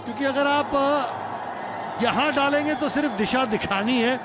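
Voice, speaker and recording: A man with a very high-pitched voice calls cricket live and analyses the play. Loud crowd noise and prominent music run behind him. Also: unhurried. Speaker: cricket commentator. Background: stadium crowd and music.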